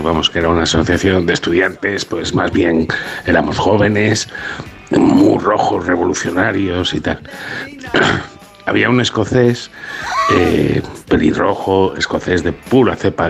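A man calling in to a radio show, telling an anecdote in an unhurried way with pauses. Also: low voice, vocal fry, music in the background. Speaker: caller.

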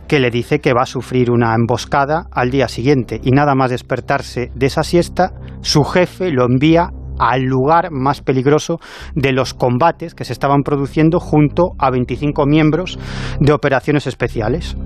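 Man presenter recounting a story. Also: fairly high pitch. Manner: steady, detailed recounting. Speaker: co-host and presenter. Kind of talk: radio narration.

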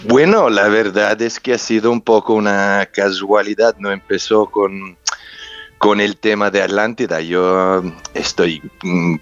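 An unhurried man with a fairly low pitch and fairly even intonation speaks with no room sound, though the sound is muffled and backed by music. He's an interview guest, an underwater explorer and researcher telling his story. Though a native English speaker, he has a foreign accent, searches for words, and repeats for emphasis.

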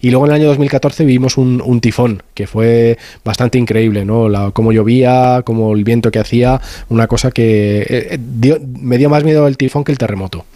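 A man with a Spanish accent reports on Formula 1 in casual radio chat. He talks at a brisk clip, stumbling and repeating words as he goes. His mid-pitched voice sounds dry and close, with no room around it. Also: steady tone, warm tone, dry recording. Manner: quick, restarts and repeats words.

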